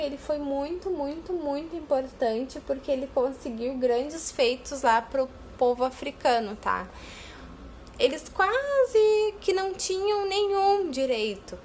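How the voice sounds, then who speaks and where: A woman teacher works through exercise answers, explaining each point patiently and checking that students follow. Her voice sits high. It is recorded on a phone, with faint noise underneath. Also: a bit bright. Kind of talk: recorded class lesson correcting exercises.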